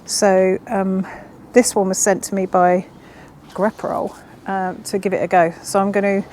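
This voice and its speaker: In her home garage, a motovlogger works on her motorbike and chats casually, poking fun at herself and reading instructions aloud. Her mid-range voice is level, moderately paced and a little mellow, with slight hiss or hum in the recording.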